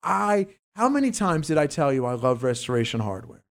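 A man's voice: a little high, big pitch swings, fairly quick, creaky. A man hosting a casual investing talk show, rambling and stumbling over his words as he jumps between topics. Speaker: host.

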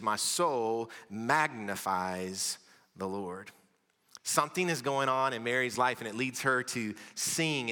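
A male pastor, preaching a sermon with storytelling, dramatic pauses and humor. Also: mid-range voice, bright, forceful tone. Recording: long hall reverb.

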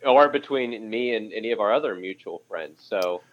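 A man with a lowish voice and moderate pace phones into a podcast from home to tell his story. His casual, interview-style delivery is marked by restarts and repeated "you know"s, all over a dull, lo-fi line.

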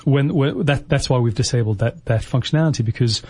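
A man appearing as a company guest on a radio show, explaining policy with some halting restarts. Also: mid-range voice, mellow, no echo. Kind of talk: radio interview.

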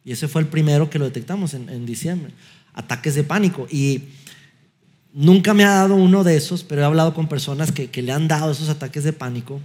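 A middle-aged man with a Mexican accent, preaching a sermon as an animated storyteller who acts out dialogue with light self-mocking humor. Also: on the high side, a little fast.

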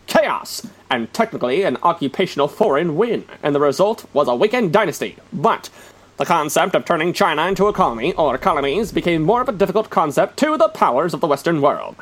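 A man's voice: a little high, sing-song, a little fast, a bit bright. A man narrating history segments in a comic mock-newsreel announcer style, dry and wry. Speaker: radio show host.

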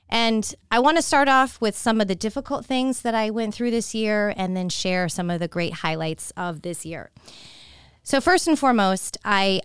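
A woman's voice: medium pitch, clear, resonant tone, no room sound, studio quality. A woman in her forties hosting a solo podcast, talking candidly and confidingly about her year, often restarting her sentences. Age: 40s. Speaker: podcast host. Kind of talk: casual solo podcast monologue.

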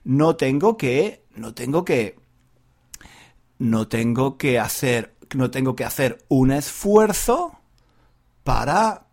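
Slow, lively-voiced man from Granada teaching. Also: medium pitch. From Granada, Spain. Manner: deliberate, carefully enunciated, repetitive. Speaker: Spanish teacher. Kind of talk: slow teaching monologue for learners.

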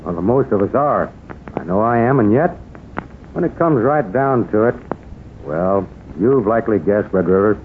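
Guy doing earnest american cowboy out for revenge, old radio western, swinging pitch, thin sound. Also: expressive, normal speed, natural voice. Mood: sympathetic, confiding. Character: earnest vengeful cowboy on the trail. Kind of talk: 1930s radio western acting. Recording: tinny old radio recording, faint noise.

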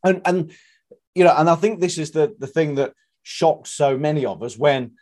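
A man hosting a conversational interview, putting his questions in a halting, roundabout way with many asides. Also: on the high side, a little mellow. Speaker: interviewer, host.

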